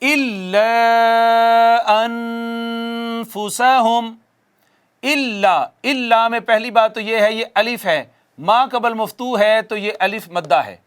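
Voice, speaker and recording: High, smooth-voiced male Quran teacher. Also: a bit bright. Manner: explains rules patiently, then recites slowly and drawn out for viewers to repeat; asks the audience questions and answers them himself. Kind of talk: televised tajweed lesson.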